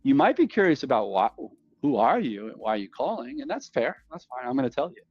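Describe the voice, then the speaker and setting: A man's voice: medium pitch, sing-song, brisk, slightly rough, lo-fi sound, soft background music. A man in a casual podcast chat, talking with energy, repeating himself and acting out sales calls. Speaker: guest.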